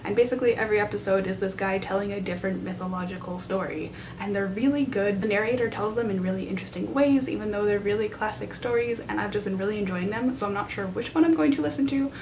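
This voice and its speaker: Fast, with hardly any pauses and a slightly mellow tone, a young adult woman chats with enthusiasm to camera as a book vlogger. She holds the camera at arm's length in a small side room of a library, and the noisy room has a low rumble.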